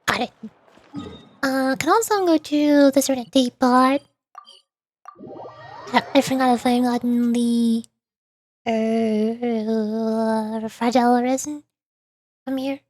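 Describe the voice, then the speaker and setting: A woman VTuber chats playfully and cutesily while livestreaming a video game, voicing dialogue aloud and dropping in little sound words. Her voice is a little high with a darkish tone and fairly even intonation, and she speaks slowly, pausing often.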